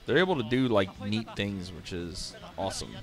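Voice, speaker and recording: Over music, a sleepy, yawning man casually commentates fighting game matches on a live stream. His voice is on the low side and expressive at a normal pace, and he thinks aloud with lots of filler words.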